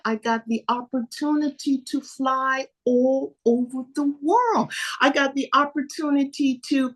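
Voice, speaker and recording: Lively older woman telling a story. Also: a little high. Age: 70s. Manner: lively storyteller, acts out dialogue. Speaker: podcast guest. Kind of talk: storytelling in an interview.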